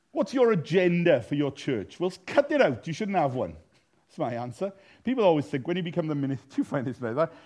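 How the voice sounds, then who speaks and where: A male minister preaching a sermon in a blunt, animated way, teasing his congregation and breaking into sudden loud bursts. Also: on the high side.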